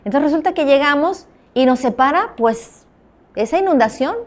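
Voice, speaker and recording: Mexican woman, journalist guest, slightly high voice, animated storytelling. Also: moderate pace. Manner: animated storyteller, acts out quoted dialogue. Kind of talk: anecdotal interview talk.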